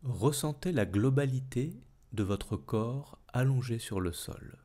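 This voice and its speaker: With a mid-range voice, a male instructor talks listeners through a yoga nidra relaxation. He's calm and soothing, using measured phrasing and long pauses.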